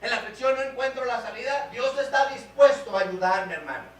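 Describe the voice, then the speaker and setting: A man with a Mexican Spanish accent preaching a sermon as a guest pastor, swinging between loud appeals and soft, low passages. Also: a little fast. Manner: preaching with big swings in pitch and loudness, dropping low and soft in prayer. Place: church hall. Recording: echoey church hall, voice from a distance, faint hum.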